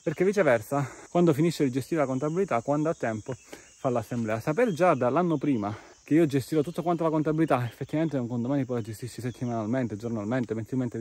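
A man's voice: mid-range voice, a little mellow. A man hosting a podcast, chatting casually while walking outdoors, quoting imagined listeners and a little out of breath. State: out of breath from climbing. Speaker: podcast host. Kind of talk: walking vlog talk. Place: outdoors on a trail by a cave.

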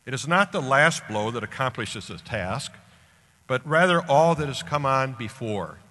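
Speaking as guest speaker at a graduation ceremony, a roughly seventy-year-old American man reads a formal commencement address at a podium mic, stressing deliberate, emphatic phrases. His mid-range voice is animated with a sharp tone, and the large indoor auditorium lends an echoey public-address sound.

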